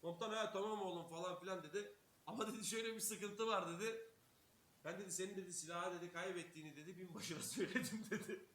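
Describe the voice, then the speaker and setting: A young streamer from Turkey, high-voiced and fast with a fairly bright tone, tells a casual story full of swearing. He acts out every quoted line and laughs while he tells it. Sound comes through a streaming mic in an echoey room, faintly hissing.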